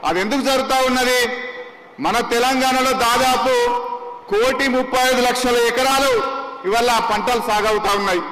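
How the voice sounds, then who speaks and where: A man giving a measured, explanatory formal address to farmers. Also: extremely high pitch, steady tone. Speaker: official speaking at a farmers' event. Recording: echoey hall from a distance.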